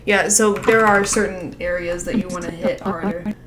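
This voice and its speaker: A woman's voice: fairly low pitch, steady tone, moderate pace, reverberant, a crowd in the background. A woman giving casual animation feedback, rambling with lots of fillers and frequent laughs. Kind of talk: casual critique over a screen share.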